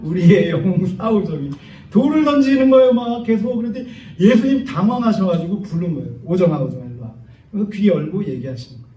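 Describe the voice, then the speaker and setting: A man's voice: sits high, quick pace. A male pastor preaching a sermon, telling a story with humor, acting out voices and joking with the congregation. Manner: animated storyteller, acts out voices, jokes with the congregation. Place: church sanctuary. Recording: echoey church hall from far off, dull.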